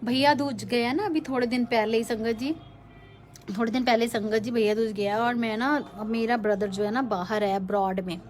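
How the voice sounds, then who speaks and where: A woman's voice: on the high side, steady tone, normal speed, a little mellow. A middle-aged woman giving a chatty devotional testimony to a live online group, mixing English phrases into her Hindi. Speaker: satsang speaker. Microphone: phone or webcam.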